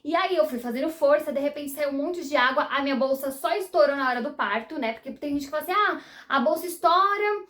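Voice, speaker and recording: Young woman, Brazilian Portuguese accent, high voice, chatty, animated vlog storytelling. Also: quick pace, hardly any pauses. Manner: chatty, animated, calls viewers "gente". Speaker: vlogger. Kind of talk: casual storytelling to viewers.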